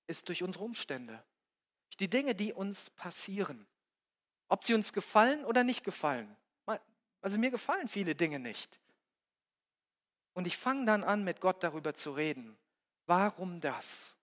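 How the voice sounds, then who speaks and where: High-voiced preacher in a reverberant hall. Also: male voice. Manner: swings from loud emphatic peaks to hushed quiet passages. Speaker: pastor. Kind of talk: sermon.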